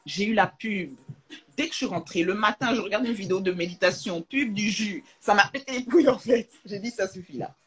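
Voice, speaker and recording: A young adult woman chatting casually on a live stream from her room at home, animated and slangy, full of jokes and asides. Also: mid-range voice, fairly quick, faint music behind, low-quality recording. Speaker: social media creator on a live stream. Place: at home, in a room with a closed door.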